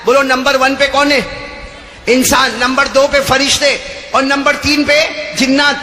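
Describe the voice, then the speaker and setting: A man preaching to a live gathering. He jokes, quizzes the crowd, and swings between soft asides and shouts. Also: extremely high pitch, flat delivery, long reverb tail. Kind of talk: lively storytelling sermon. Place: live religious gathering with a stage.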